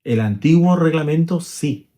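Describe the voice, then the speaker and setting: A man's voice: a little high, lively intonation, a little slow, mellow. A middle-aged man, an immigration lawyer, explaining rules conversationally, walking through hypothetical examples and checking in with tag questions.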